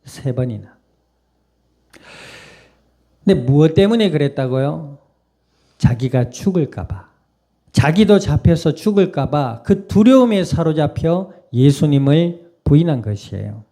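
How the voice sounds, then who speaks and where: A man's voice: on the high side, warm tone. A male pastor, preaching in a conversational way and often putting questions to the congregation. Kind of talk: sermon.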